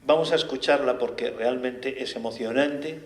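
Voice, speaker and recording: A man, a friar, leading a spoken Bible commentary in a gentle, reflective way. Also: mid-range voice, normal speed. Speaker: friar leading a lectio divina. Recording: echoey room.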